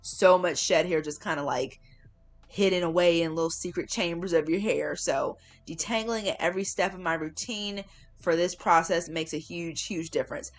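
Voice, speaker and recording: A woman with a slightly low-pitched voice narrates a casual how-to vlog. She talks in an informal, chatty way and stresses words for emphasis. It sounds like a relaxed voiceover explaining a routine step by step. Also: normal speed. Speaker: hair care vlogger.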